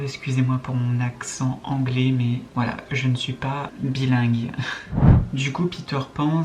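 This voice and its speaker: A man's voice: medium pitch, background noise. A young man hosting his channel in casual chat, rambling and self-mocking as he sets up a trailer reaction.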